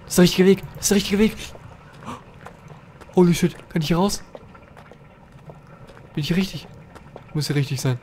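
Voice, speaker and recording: This young man hosts a horror game let's play, commentating live in a restless, jumpy way as he swears and talks to his viewers. His pitch is fairly high and a little mellow, with a slight hiss or hum, recorded on a facecam setup with a desk mic.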